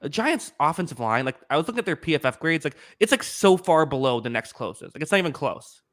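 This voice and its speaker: Male sports podcast host, bright voice, rambling casual chat with many fillers. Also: on the high side, sing-song, fast.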